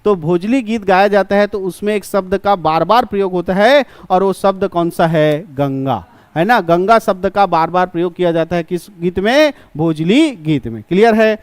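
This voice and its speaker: A man teaches an exam-prep class. He poses each question and answers it himself, repeating key terms slowly. His voice is high, smooth and resonant, and the recording is dry and close. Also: animated, no room sound.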